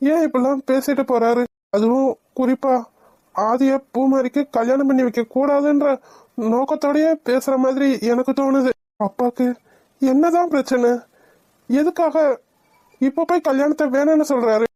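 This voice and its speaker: A woman's voice: sits high, warm tone, dry recording. A woman voicing an anxious young woman in a cartoon, fretting and asking questions. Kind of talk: cartoon voice acting.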